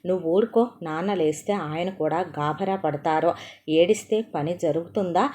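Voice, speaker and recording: A woman voicing a young adult son who stays steady and practical while his mother panics. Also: lowish voice, normal speed, natural voice.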